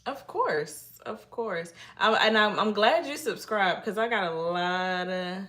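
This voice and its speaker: In a casual live chat with her viewers, a middle-aged livestream host from Massachusetts, United States talks in a shy, rambling way, restarting many times. Her medium-pitched voice is expressive, pushed and bright, at a measured pace.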